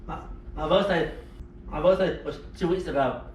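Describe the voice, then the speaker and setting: A friendly man in his thirties with a higher voice talks haltingly and repeats his words. He is picked up from a distance in an echoey room with faint background noise. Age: 30s. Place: indoors in a home.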